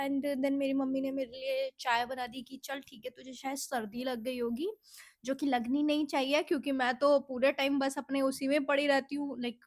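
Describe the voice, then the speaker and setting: A woman's voice: sits high, no room sound, studio quality. A woman vlogger chatting casually as she tells a personal story, mixing Hindi with English phrases.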